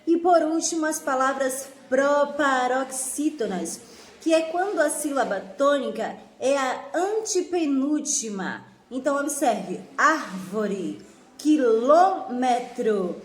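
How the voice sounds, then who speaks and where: A woman with a high voice walks her students through a review lesson. She is clear and didactic and slows down to stress each example word. The room gives her voice a noticeable echo. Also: a little hiss or hum. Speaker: teacher.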